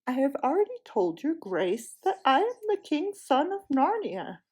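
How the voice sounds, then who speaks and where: A woman's voice: mid-range voice, takes it slowly, natural voice. A woman voicing a stern young prince who speaks in a formal, proud manner, in a storybook reading.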